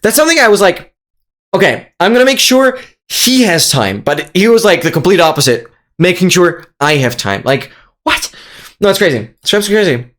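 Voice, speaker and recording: A young adult Austrian streamer, a native German speaker with an Austrian accent, chats excitedly with viewers on a live stream and repeats phrases. The voice is medium in pitch and a little fast.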